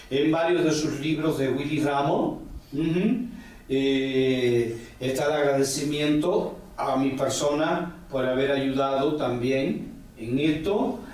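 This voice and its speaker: His voice a little high and darkish, a forties-aged religious elder being interviewed tells long, wandering stories with lots of quoted speech and "ujú" fillers. The distant mic leaves him a bit off-mic in an echoey room, with faint background sound.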